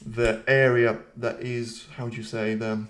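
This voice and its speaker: A man's voice: medium pitch, level tone, measured pace. Chatty man hosting a live stream. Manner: chatty, reads viewer comments aloud and answers them; self-deprecating, rambling asides. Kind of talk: casual live commentary and chat reading.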